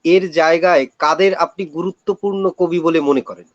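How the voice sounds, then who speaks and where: A man hosting a live talk show, soft-spoken and brief as he reads out listener questions. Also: on the high side, normal speed, dry recording. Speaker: host. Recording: dull, dry lo-fi audio.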